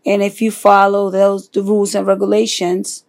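Soft-spoken woman from Honduras, slightly gravelly. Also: medium pitch, monotone, moderate pace, a little hiss or hum. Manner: soft-spoken, hesitant, many fillers. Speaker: interviewee. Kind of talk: oral history interview.

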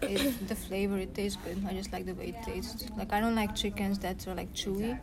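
A woman's voice: medium pitch, fairly even intonation, fairly quick, vocal fry. A young woman from Hungary answering interview questions, hesitant with many fillers. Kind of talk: casual interview. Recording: noisy crowd behind. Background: crowd chatter.

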